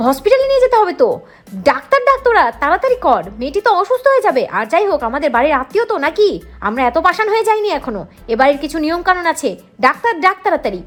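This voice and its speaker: A woman's voice: extremely high pitch, big pitch swings, very fast, faint music behind, voice pushed up. A woman voicing a bossy old grandmother. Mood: urgent. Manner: urgent, commanding, insistent. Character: bossy elderly aunt-grandmother of the household.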